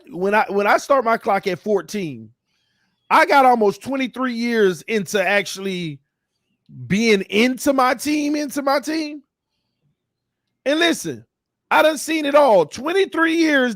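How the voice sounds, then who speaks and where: A man hosting a fan talk show, fired up and shouting as he rants. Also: high voice, no room sound, clean studio sound. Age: 30s. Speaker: fan channel host.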